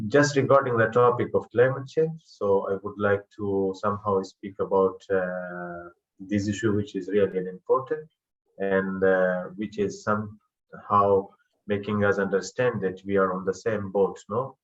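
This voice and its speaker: A man from Afghanistan speaking as a guest on an online panel, with many pauses and fillers, over a video call. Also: low voice, highs cut off.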